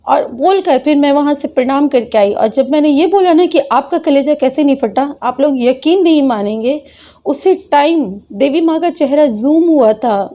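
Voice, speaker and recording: A woman's voice: high voice, warm tone, muffled recording. A woman vlogger in her thirties, talking in an emotional, devotional monologue that keeps repeating itself. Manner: repetitive, impassioned, devotional.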